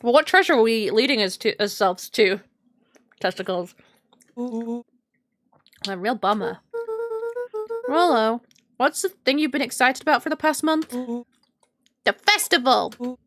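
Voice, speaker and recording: A woman's voice: on the high side, normal speed, soft background music. A woman streaming a game, reading character lines and making joking, swearing asides. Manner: animated, swears, jokey asides. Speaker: streamer playing and reading dialogue.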